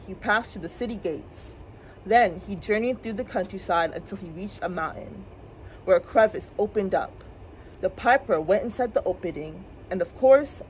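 A woman storyteller for children's story time, expressive and clear, with a mid-range voice and a faint hum behind her. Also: medium pitch, normal speed, rough recording. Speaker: librarian storyteller. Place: public library.

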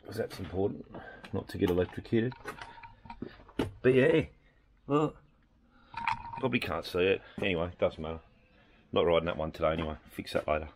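A man's voice: low voice, moderate pace, long pauses. A middle-aged man chatting casually to the camera in short, offhand, laconic phrases. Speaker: motorbike vlogger. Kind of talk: casual off-the-cuff vlog chat. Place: outdoors, on and around a motorbike. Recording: loud engine, traffic and handling noise.

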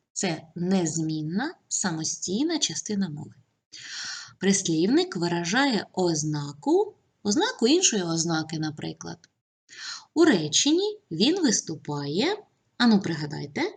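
A woman teacher giving an online grammar lesson to pupils, speaking clearly and patiently with instructions. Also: fairly low pitch.

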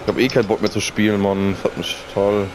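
A man's voice: on the low side, little pitch movement, fast, background noise. A man ranting and swearing in exasperation during casual online racing game chat. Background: racing game engine sounds.

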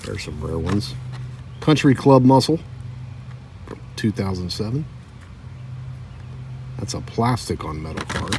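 Sitting by a lake on a windy day, a middle-aged man with a low voice gives a casual show-and-tell of his diecast toy car finds for his vlog. He chats easily and reads the card backs aloud. The mic is distant, and wind noise rushes in behind him.

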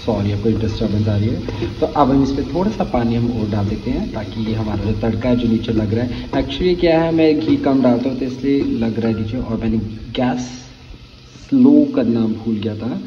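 A man, talking casually as a cooking vlogger in a home kitchen and apologizing for rushing. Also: medium pitch, a little hiss or hum. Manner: chatty and hurried, apologizes for rushing. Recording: roomy, slightly dull home recording.

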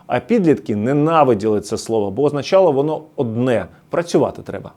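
A man's voice: medium pitch, expressive, quick pace, mellow, slight background noise. A man from the Luhansk region giving scripted documentary narration, storytelling nostalgically as he explains words one by one. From Luhansk region, Ukraine.

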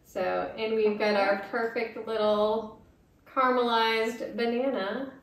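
A chatty woman with a fairly high voice hosts a cooking show and explains each step as she goes. She giggles easily. The sound is distant and boomy in a very echoey kitchen. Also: fairly even intonation, takes it slowly. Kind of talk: casual cooking demo chat. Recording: very echoey room, mic far off.

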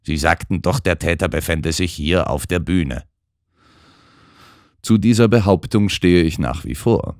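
A man voicing a calm, shrewd gentleman detective who lays out his reasoning in measured, precise sentences, in an audiobook. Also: low-pitched, no echo, clean studio sound. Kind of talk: audiobook character voice.

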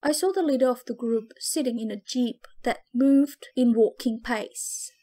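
A woman narrating a dark first-person audiobook in a steady, grave voice. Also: on the high side, unhurried.

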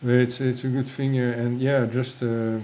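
A man's voice: mid-range voice, flat delivery, normal speed, mellow, low-quality recording. A man with a French accent talking casually about his fish breeding, hesitant and full of fillers and restarts. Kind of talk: casual hobby vlog.

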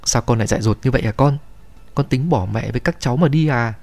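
A man's voice: medium pitch, fast, a little mellow, natural voice. A man playing a frantic elderly mother who cries out shrilly in panic. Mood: sobbing.

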